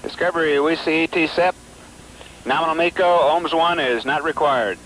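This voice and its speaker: A man's voice: on the high side, normal speed, fairly bright tone, slight background noise, poor audio. Man calling clipped callouts over radio. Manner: terse, procedural. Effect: air-to-ground radio transmission. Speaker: mission control capsule communicator.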